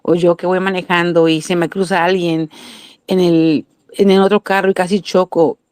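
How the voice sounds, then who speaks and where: A woman's voice: fairly low pitch, level tone, moderate pace, a little mellow, clear, resonant tone, dry recording, studio quality. A woman with a Mexican Spanish accent giving a sermon-style Bible lesson, earnest, asking questions and answering them herself. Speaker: Bible teacher.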